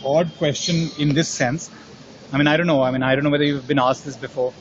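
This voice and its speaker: A man's voice: on the high side, level tone, fast, muffled recording, noisy background. A man interviewing an artist, asking probing questions and rephrasing them as he goes. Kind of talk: conversational interview.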